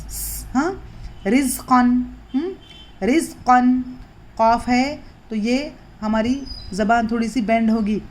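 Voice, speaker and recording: A patient woman teaching Quran pronunciation, repeating words slowly and checking in with her listeners. Her voice sits at an ordinary pitch for a woman, with a faint hiss of noise behind it. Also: a little mellow.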